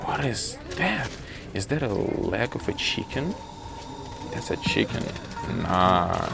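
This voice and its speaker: Slow and low-voiced but very animated, this gravelly-sounding vlogger is a native Russian speaker. He chats with curiosity and frequent exclamations, peppered with "like," in an informal walking vlog for English learners, both outdoors on city streets and inside a small shop.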